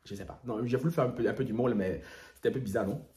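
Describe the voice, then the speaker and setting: A man's voice: mid-range voice, racing, darkish tone, reverberant, slight background noise. A man hosting a gossip commentary vlog, talking in a theatrical way with sing-song asides and repeated catchphrases, and laughing at his own jokes. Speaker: YouTuber.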